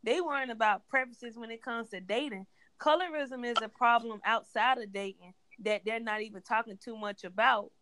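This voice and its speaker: A woman who works as a teacher, talking loudly and emphatically in a casual podcast discussion. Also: a little high, normal speed, few pauses. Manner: loud, emphatic, conversational. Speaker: co-host, teacher.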